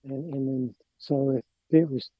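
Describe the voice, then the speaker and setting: At a measured pace and with fairly even intonation, a mid-range-voiced, middle-aged Appalachian man chats casually as a podcast guest about life as a lawn care business owner. He wanders, hesitates and trails off often. The recording has no echo, but its highs are cut off.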